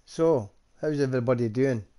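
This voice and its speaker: A man's voice: mid-range voice, normal speed, dark tone. A man streaming a game, swearing and joking with friends over a headset. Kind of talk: casual gaming party chat.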